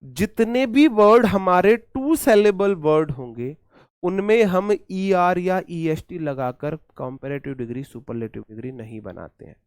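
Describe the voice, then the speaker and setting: A man teaching English grammar for exam preparation, repeating words slowly and calling his students "brother". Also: high-pitched, smooth, no echo, clean studio sound. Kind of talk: exam-prep lecture.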